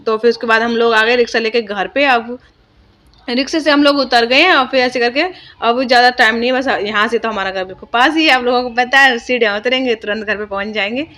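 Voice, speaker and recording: A woman's voice: on the high side, fast, bright, forceful tone. A young woman vlogger, narrating her day in a chatty, homely way with lots of fillers. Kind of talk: casual vlog voice-over narration.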